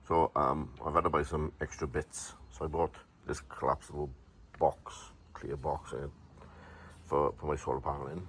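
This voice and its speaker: A man's voice: rumbling low, level tone, normal speed, slight background noise. A man giving a casual, matter-of-fact hands-on demonstration in short, plain-spoken phrases. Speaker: hobbyist demonstrating a homemade gadget. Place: shed and garden, partly outdoors.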